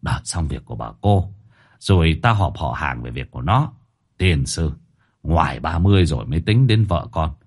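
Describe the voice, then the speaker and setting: Man doing a nervous stammering dad, husky, voice jumps around, audio story. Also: a bass voice, big pitch swings, moderate pace, a little mellow, voice pushed down, full character voice. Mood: grumbling. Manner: stammering, tearful pleading. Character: middle-aged grieving father, anxious.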